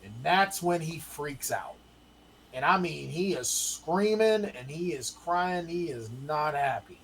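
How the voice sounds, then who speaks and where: A middle-aged man telling family stories in a casual, animated way, acting out the quotes. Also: fairly high pitch, slow pace, a little hiss or hum, rough recording. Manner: animated storyteller, acts out quotes. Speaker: guest, the host's father.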